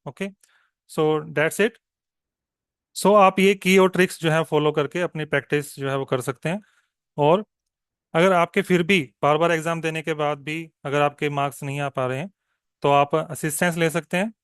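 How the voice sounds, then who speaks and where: The speaker is a male exam coaching tutor with a higher, smooth, clear and fairly bright voice, heard in clean studio sound with no echo. During his online exam-prep lesson he mixes Hindi and English, checks in with frequent "okay?", and slows down deliberately to model answers.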